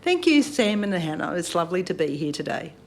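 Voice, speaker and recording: Friendly woman in her fifties, lower voice. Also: sing-song, fairly quick. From Central Coast of New South Wales, Australia. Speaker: guest bookkeeper. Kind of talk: casual interview.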